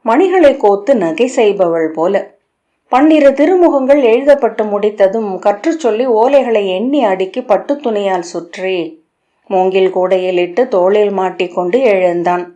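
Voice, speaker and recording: A woman narrates a literary novel in a measured, steady reading voice. Her tone is dark and mellow, with a middle pitch for a woman. It is a scripted audiobook narration.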